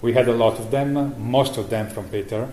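A middle-aged man giving a conference keynote about software he maintains, speaking haltingly with many fillers and restarts. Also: mid-range voice, fairly even intonation. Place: conference hall. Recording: echoey room with faint noise.

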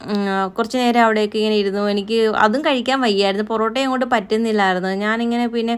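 Fast-talking chatty woman vlogger. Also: fairly high pitch, fairly even intonation, clear, resonant tone. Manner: chatty and storytelling, often adding a friendly "you know". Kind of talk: voice-over narration of a daily vlog.

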